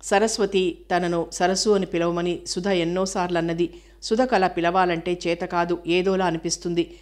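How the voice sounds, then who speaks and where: A woman narrating a novel aloud in a steady, even storytelling manner. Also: lowish voice, moderate pace. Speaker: audiobook narrator.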